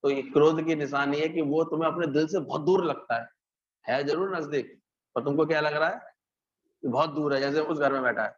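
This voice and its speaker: A man giving a spiritual discourse, talking conversationally, asking rhetorical questions and acting out loud and hushed voices. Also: fairly high pitch, fairly quick. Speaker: spiritual teacher. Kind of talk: Hindi satsang discourse. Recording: echoey, dull lo-fi hall recording.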